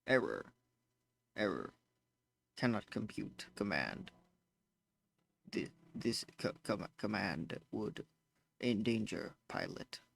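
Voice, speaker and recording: A man's voice: fairly low pitch, very animated, slow, vocal fry, pauses often, heavily acted. A man voicing a damaged robot that glitches, stutters and repeats words in clipped machine phrasing. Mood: glitching monotone. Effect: glitching robot voice, words breaking and repeating.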